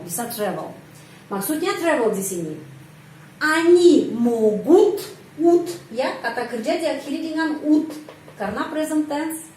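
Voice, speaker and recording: Woman teaching grammar, higher pitched, bit of background ambience, spells things out slowly. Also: a little hiss or hum. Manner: slow, careful model sentences. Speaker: Russian language teacher. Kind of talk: explaining grammar with example sentences. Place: indoors, dog heard outside. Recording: roomy sound, from the mic, faint background ambience.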